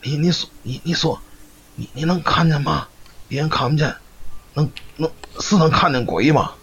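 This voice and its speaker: A man's voice: on the high side, normal speed, fairly bright tone, breathy edge, pitched above the performer's own voice, exaggerated voice. A man voicing a timid old woman neighbor who stammers. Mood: frightened. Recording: dull lo-fi stream audio, faint noise.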